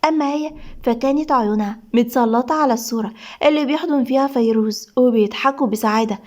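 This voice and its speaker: A woman's voice: on the high side, fast talker. A woman with an Egyptian accent narrating a serialized drama story in a swift, dramatic way. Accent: Egyptian Arabic.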